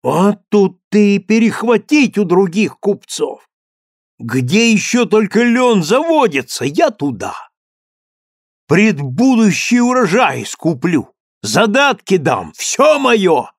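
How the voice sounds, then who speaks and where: A man's voice: sits high, slow, no echo, studio quality, voice pushed up, heavily acted. A man doing an eager greedy merchant. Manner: excited, exclaiming. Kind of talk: audiobook character reading.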